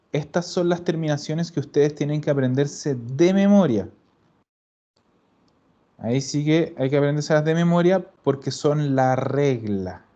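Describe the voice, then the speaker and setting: Teaching an online language class, the Italian teacher speaks with a fairly high, mellow voice over dull audio. He's patient, repeating points and frequently checking with "¿ya?" that his students are keeping up.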